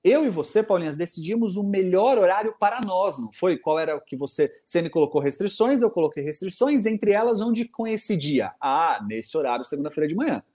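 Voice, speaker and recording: A man, co-hosting a podcast and giving parenting advice in a casual, animated way, often acting out the voices in his stories. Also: high-pitched, brisk, few pauses. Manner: animated, acts out quoted voices in anecdotes.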